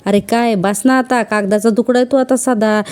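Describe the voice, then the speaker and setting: Woman doing a sneering jailbird guy, mocking, mellow voice. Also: on the high side, steady tone, moderate pace, clear, resonant tone, natural voice. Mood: scornful. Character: bitter scornful male prisoner.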